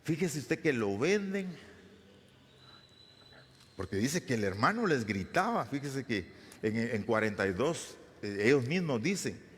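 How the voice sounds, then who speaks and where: A man's voice: medium pitch, big pitch swings, measured pace, pauses often. A man preaching a sermon as pastor, retelling a scripture story and asking his congregation questions. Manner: retells scripture, briefly voicing the figures; addresses the congregation as brothers, asks questions. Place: church hall. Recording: long echoing church hall reverb.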